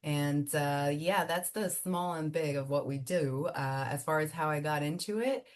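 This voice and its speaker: A woman from Miami whose first language is Spanish speaks in a low voice. She is an immigration attorney explaining her career in a chatty, animated interview manner, with frequent fillers. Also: measured pace. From Miami, United States. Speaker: immigration attorney and law firm founder. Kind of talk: conversational interview answers.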